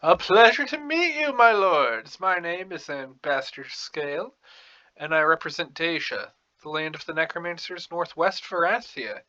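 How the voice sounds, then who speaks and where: A man voicing an ingratiating necromancer ambassador from a fantasy game, halting and eager to persuade. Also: on the high side, animated, bright, forceful tone, dry recording, highs cut off.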